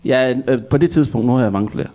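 A man's voice: mid-range voice, warm tone, close to an everyday voice. Man playing a rambling, boastful tall-tale teller. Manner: stammering, halting, with frequent fillers and self-corrections. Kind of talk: improvised comedy interview.

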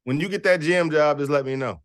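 A man, a basketball coach, speaking as a guest in a casual interview, with halting phrasing and frequent fillers. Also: on the high side, clean tone, dry recording, studio quality. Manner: halting, many fillers and restarts.

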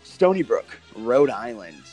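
A man's voice: mid-range voice, sing-song, a little slow, a little mellow, soft background music. A man co-hosting a casual sports podcast, chatty and laughing often, drifting into side tangents. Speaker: podcast co-host. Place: lives in Hoboken, New Jersey.

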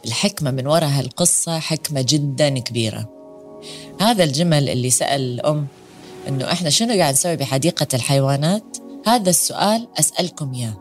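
A woman hosting a motivational podcast, chatty and putting direct questions to listeners. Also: sits low. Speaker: podcast host. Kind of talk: motivational storytelling.

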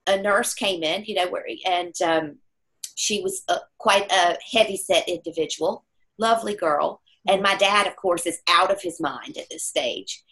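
A woman's voice: on the low side, normal speed. A middle-aged woman telling a personal story in conversation, acting out the voices of the people she quotes. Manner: animated storyteller who acts out quoted voices.

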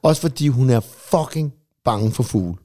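A middle-aged man co-hosts a podcast, telling rambling anecdotes in casual conversation and swearing a lot. His voice is mid-range and mellow.

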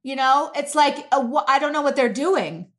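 A woman with a high voice chats as a prank caller. She sounds earnest and straight-faced, improvising in casual, conversational phrases. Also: lively intonation, moderate pace, a bit bright. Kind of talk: casual improvised phone talk.

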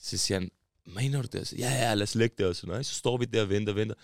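A man's voice: on the low side, gravelly, dry recording, studio quality. A man from Denmark, a podcast guest, talking in slangy casual chat that he tags with "bro" and "ikke?".

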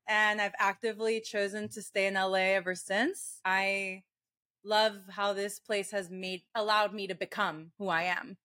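A woman's voice: mid-range voice, flat delivery, a little slow, pushed and bright. Woman guest, from Venezuela, reflective storyteller, mid-range voice. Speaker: guest filmmaker. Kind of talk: podcast interview.

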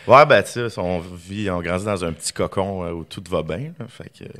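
A man's voice: low voice, fairly bright tone. A young Québécois man, a film director, telling stories in a casual podcast conversation and acting out quoted lines. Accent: Québécois French. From Quebec. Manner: rapid storytelling, acts out quoted lines.

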